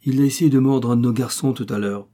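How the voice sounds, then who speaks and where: A man's voice: medium pitch, fast, warm tone, lightly acted. A man reading the part of a wary young male stable hand who talks cautiously and chattily.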